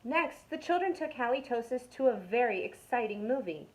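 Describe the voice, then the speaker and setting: A young woman telling a children's story from a youth club. Her reading is expressive and storybook-paced. At suspenseful moments she sinks into a hushed whisper. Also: a little high, moderate pace, poor audio. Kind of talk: reading a picture book aloud to children.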